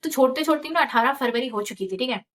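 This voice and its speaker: A young woman in her twenties casually telling her own story, chatty and animated, slipping English phrases into her talk. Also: sits high, fast talker. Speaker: vlogger.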